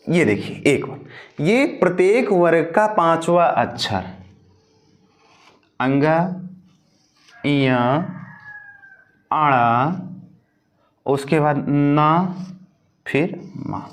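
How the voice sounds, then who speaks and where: Slow-paced male teacher chanting lessons. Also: fairly high pitch, animated. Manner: chants memory verses slowly, each line twice; addresses students directly, repeats "dekhiye". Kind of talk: classroom lesson.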